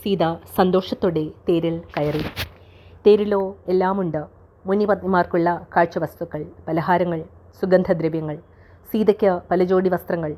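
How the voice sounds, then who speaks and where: Low-voiced woman narrating a story. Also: steady tone, normal speed, mellow. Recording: dull lo-fi recording.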